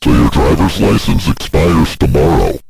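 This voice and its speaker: A radio morning show host speaking through a cheap voice changer that makes his voice deep and evil, slowly reading cheery lines in a menacing way. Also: animated, vocal fry, a little mellow, husky, poor audio. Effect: cheap voice changer making the voice deep and evil. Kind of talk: casual radio banter.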